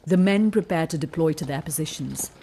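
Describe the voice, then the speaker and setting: A woman reporting as a war correspondent, narrating a scripted frontline news report in a grave, measured way. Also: low-pitched, background noise.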